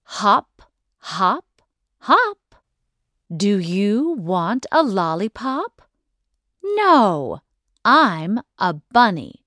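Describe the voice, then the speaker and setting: A woman teacher reading a children's picture book aloud in a slow, exaggerated, sing-song way. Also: mid-range voice, sing-song, a bit bright, no echo, clean studio sound. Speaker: English teacher.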